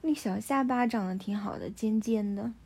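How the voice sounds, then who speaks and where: A woman's voice: medium pitch, moderate pace, vocal fry, a little mellow, slightly rough. A woman, telling family stories in a casual chat and often asking the listener if they follow. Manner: chatty, often asks the listener "you know?".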